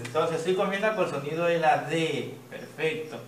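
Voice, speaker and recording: A man teacher giving a children's reading lesson, patiently sounding out words slowly and checking in with "¿ya?". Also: fairly high pitch, reverberant, slight background noise.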